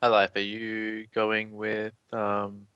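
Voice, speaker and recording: A man's voice: lowish voice, completely flat delivery, slow, clear, resonant tone, no room sound, lo-fi sound. A man running a tabletop game over voice chat, easygoing and hesitant with fillers. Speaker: game master.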